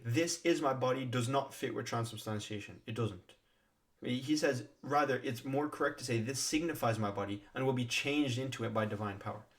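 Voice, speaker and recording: A man works through a written passage line by line, reading a bit and then unpacking it. His voice sits in an ordinary middle register, and he thinks aloud, backing up to restart phrases and hitting key words with extra stress. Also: mid-range voice. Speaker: theology commentator. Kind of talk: reading and explaining a text.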